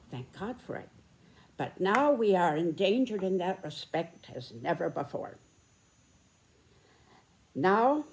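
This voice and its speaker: A very old American woman in her nineties speaks in a low-pitched voice at a slow pace. She reflects and comments earnestly, choosing her phrases deliberately and stressing them between pauses. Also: a little mellow. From United States. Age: 90s, very old. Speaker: video host, personal commentator. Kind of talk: reflective spoken commentary and reminiscence to camera.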